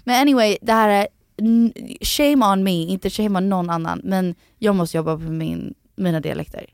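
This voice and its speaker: A woman's voice: medium pitch, smooth, no room sound, studio quality. A young woman co-hosting a podcast in casual chat, laughing often and slipping English phrases into her talk. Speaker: podcast co-host.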